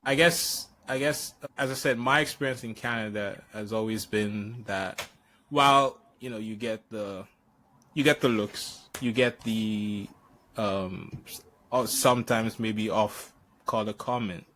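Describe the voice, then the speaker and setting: A man who grew up in Nigeria hosts a podcast, conducting a conversational interview. His voice is fairly low and fairly bright, and he speaks unhurriedly but hesitantly, often repeating words as he thinks.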